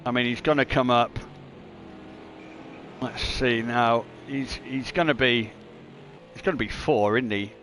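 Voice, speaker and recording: A man's voice: medium pitch, measured pace, long pauses, fairly bright tone, a little hiss or hum. A man commentating live on an online sim race, chatty and joking, reading out lap times. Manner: chatty, jokey, reads lap times aloud.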